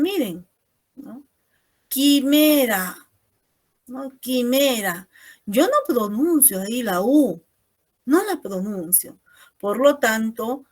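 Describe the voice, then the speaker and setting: A woman teacher giving an online class over a video call, explaining patiently and ending most phrases with a questioning "no?". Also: a little high.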